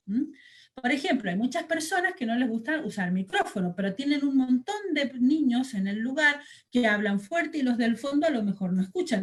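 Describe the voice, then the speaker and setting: Higher-voiced woman trainer teaching storytelling. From Argentina. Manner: explanatory, with many fillers and rhetorical checks. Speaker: children's ministry trainer. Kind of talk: training lesson.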